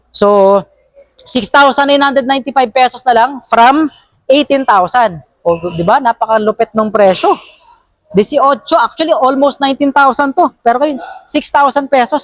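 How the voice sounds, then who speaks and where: A woman's voice: fairly high pitch, no room sound. A woman with a Filipino accent, chatty and upbeat, walking viewers through a warehouse sale in a vlog. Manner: upbeat, chatty, frequent tag questions. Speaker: vlogger touring a store sale. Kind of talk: walk-through shopping vlog. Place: large indoor warehouse store.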